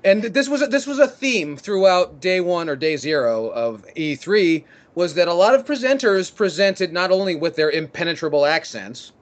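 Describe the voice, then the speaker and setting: A man's voice: sits high, animated, normal speed, few pauses. A man co-hosting a casual podcast, trading crude, sardonic quips. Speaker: podcast co-host. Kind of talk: casual game-industry chat.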